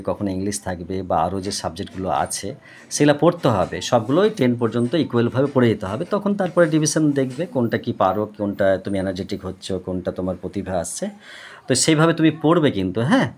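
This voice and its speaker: A man tutoring children in reading, spelling out syllables slowly and then giving quick advice about study habits. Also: lowish voice, lively intonation, darkish tone.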